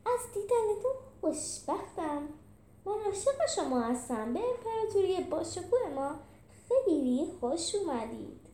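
A woman doing a pompous Roman general, high and shrill. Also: big pitch swings, roomy sound. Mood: falsely sweet. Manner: shouting orders.

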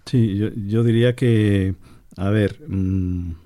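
A man's voice: on the low side, fairly even intonation, slow pace, mellow. A middle-aged man, a painter and guest on a radio panel, talking hesitantly with many restarts.

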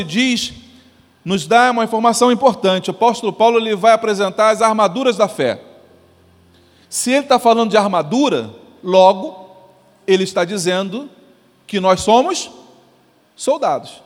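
A man preaching an animated sermon as pastor, acting out voices as he goes. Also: high-pitched. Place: church sanctuary. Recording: long church reverb.

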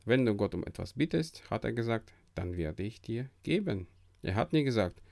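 A man with a lowish voice talks earnestly on his devotional podcast, encouraging listeners like a preacher. The sound is dry and close, with no room around it. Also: animated, moderate pace, creaky, darkish tone, no room sound. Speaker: podcast host.

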